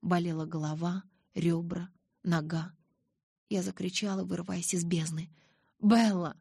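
A woman reading a novel aloud in a dramatic, intense way, with a husky voice. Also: on the low side, flat delivery, normal speed, darkish tone, no room sound, studio quality. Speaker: audiobook reader. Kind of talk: scripted narration.

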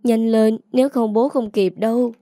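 A woman's voice: a little high, steady tone, normal speed, dark tone, no room sound, clean studio sound, lightly acted. Woman voicing a tearful frightened young girl. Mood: anxious. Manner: sobbing, pleading.

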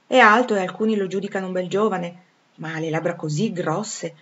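A woman voicing a warm-hearted young former nursemaid, talking in an eager, gossipy, affectionate way, in a dull lo-fi recording. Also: on the low side, steady tone, fairly quick, close to an everyday voice. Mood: chatty.

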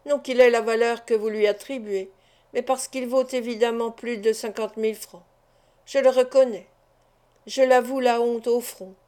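A woman's voice: fairly high pitch, fairly even intonation, normal speed, mellow, lightly acted. A woman voicing an anguished but resolute wife and mother making an earnest confession in an audiobook of a classic novel.

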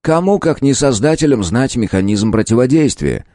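Older male professor, brisk and authoritative, voiced by the male narrator; lively rises, dry studio read. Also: mid-range voice, dry recording, pitched above the performer's own voice, lightly acted. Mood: musing.

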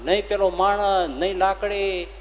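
Swami guy telling a devotional story, animated, acts out the bits, fairly high voice, lots of hall echo. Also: normal speed. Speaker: swami giving a religious discourse. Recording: long hall reverb.

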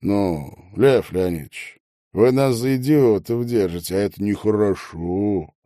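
A man voicing a calm, polite and sardonic young male investigator in an audiobook. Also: lowish voice, unhurried, dry recording, studio quality, pitched below the performer's own voice, lightly acted. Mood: ironic. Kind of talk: audiobook character voice.

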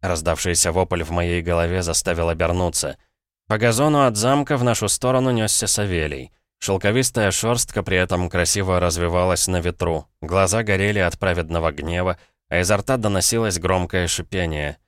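A man narrating a first-person fantasy audiobook in a measured, wry manner. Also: sits low, clear, resonant tone, no room sound, studio quality.

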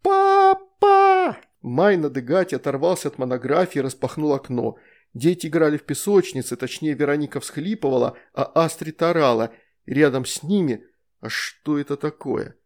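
A man narrating an audiobook in a lively, expressive reading. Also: on the high side, brisk. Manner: lively, performs all character voices. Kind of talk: scripted narration.

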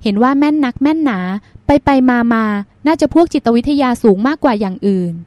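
A woman reading as a chatty young woman, high and dry. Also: lively intonation, a little fast, a little mellow, no room sound. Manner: polite chatty storytelling. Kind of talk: audiobook dialogue.

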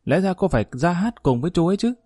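A man voicing a calm, firm middle-aged village woman who mediates among husbands, speaking in a measured, plain-spoken, commanding way. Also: high-pitched, slightly rough, no room sound, studio quality, pitched above the performer's own voice, heavily acted.

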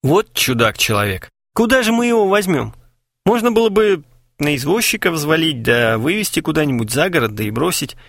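A man's voice: on the high side, very animated, moderate pace, creaky, a bit bright, no echo, pitched above the performer's own voice, heavily acted. A man voicing a cool, mocking young prankster who talks in a dry, matter-of-fact way.

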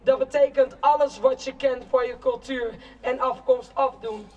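A young woman giving a protest speech in a slow, declamatory spoken-word style, with shouted chants between lines. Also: high voice, fairly even intonation, muffled recording. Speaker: rally speaker. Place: outdoor city square at a demonstration. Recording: distant outdoor rally recording.

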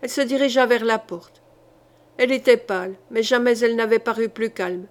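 Woman, audiobook narrator, fairly high voice, measured, dramatic reading of a historical novel. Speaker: audiobook reader.

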